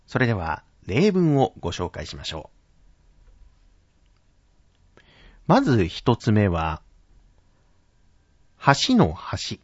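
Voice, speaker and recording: A man teaching announcers in a formal, polite lesson, enunciating example words slowly and carefully. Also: fairly low pitch, huge pitch swings, darkish tone, no echo. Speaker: announcing instructor. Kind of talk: scripted spoken lesson on pitch accent. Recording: dull, dry narrow-band recording.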